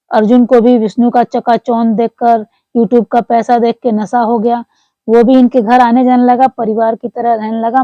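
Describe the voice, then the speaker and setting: A commentator on online creators, a woman with a warm voice on the high side, recounts a story to her viewers. Her commentary is earnest and repetitive, and she often calls them friends; the sound is lo-fi with no echo.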